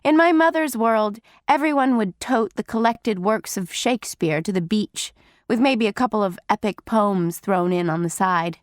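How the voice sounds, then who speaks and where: A woman narrating a teen novel in the first person, with steady, wry storytelling. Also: medium pitch, moderate pace, no echo, clean studio sound. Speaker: audiobook narrator.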